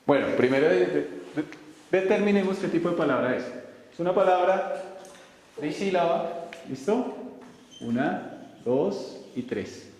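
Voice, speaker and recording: A man's voice: high voice, animated, moderate pace, pauses often, darkish tone. A man teaching a class, walking students through rules and often stopping to check they follow. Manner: keeps checking in with students, questioning tone. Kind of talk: classroom lecture. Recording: very echoey hall with faint noise.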